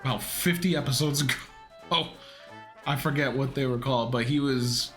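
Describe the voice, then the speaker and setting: A man's voice: medium pitch, moderate pace, a bit bright, soft background music. A man giving casual reaction commentary, slangy, exclamatory and freely swearing. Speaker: reaction video host.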